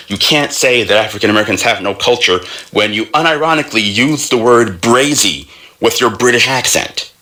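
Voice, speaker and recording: Man from Jamaica, very deep voice, bright tone, emphatic rant. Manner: emphatic, building intensity. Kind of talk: casual opinion rant.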